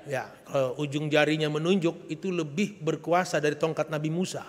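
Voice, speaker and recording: Joking preacher with booming hall echo. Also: male voice, fairly quick, crowd noise. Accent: Indonesian. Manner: lively, joking preacher with sudden loud emphatic swells. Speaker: pastor. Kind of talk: sermon. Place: church sanctuary. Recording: long church reverb.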